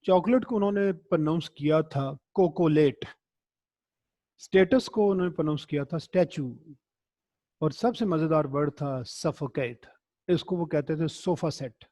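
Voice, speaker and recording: A man's voice: a little high, moderate pace, warm tone, no room sound. A middle-aged man, giving a recorded lecture in a conversational, encouraging way and telling anecdotes. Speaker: teacher.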